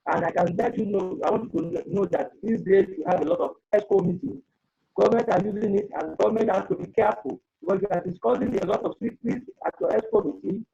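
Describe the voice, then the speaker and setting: Speaking through an earphone mic on a breaking online conference call, a man on a data protection webinar panel earnestly advises and repeats himself. His high-pitched voice is warm and husky with vocal fry, heard in a muffled recording.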